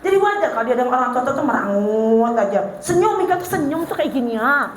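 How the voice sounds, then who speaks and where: A high-pitched, middle-aged woman with a Banjar accent speaks at a parenting seminar, telling humorous stories and playing every part with animation. Her voice rings through a very reverberant hall with a faint hiss underneath. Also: a little fast. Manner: animated, acts out her husband and herself in funny anecdotes. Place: large hall with an audience. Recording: very echoey hall, faint noise.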